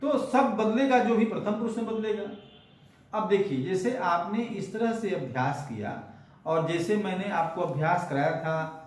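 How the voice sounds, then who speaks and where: A man's voice: sits high, moderate pace. A man teaching Sanskrit grammar, patiently drilling example sentences one after another. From India. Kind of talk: grammar lesson. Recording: very echoey room.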